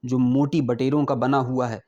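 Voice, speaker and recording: A man's voice: medium pitch, little pitch movement, a little mellow, dull audio, close to an everyday voice. Man voicing a coaxing lavish rich host. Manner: insistent, coaxing.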